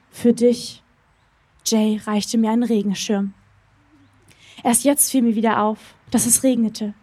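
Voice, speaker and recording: A woman reads her own story aloud, slow and dreamy, pausing often between phrases. Her voice is mellow and breathy, sitting a bit high for a woman. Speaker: reader at a public reading.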